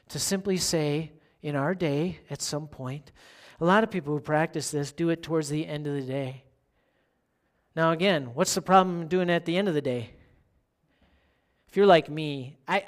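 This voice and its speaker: A pastor giving a sermon in a conversational way, often asking the listeners questions and checking in with "right?". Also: mid-range voice.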